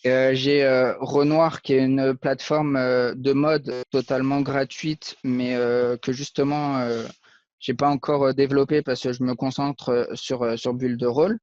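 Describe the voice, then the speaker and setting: A man's voice: mid-range voice, level tone, a little slow, a little mellow, no echo, highs cut off. A man from Portugal, a guest in a casual interview, speaking hesitantly with many fillers. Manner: hesitant, fillers, short laughs. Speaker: guest, affiliate marketer.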